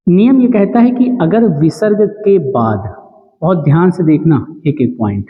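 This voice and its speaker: Man, grammar teacher, exam-prep lesson, repeats rules and quizzes listeners, slow spelled-out examples, thin phone-like sound, long echo. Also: high voice, lively intonation. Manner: repeats each rule and quizzes the listener with questions; drawn-out, spelled-out syllables on the examples.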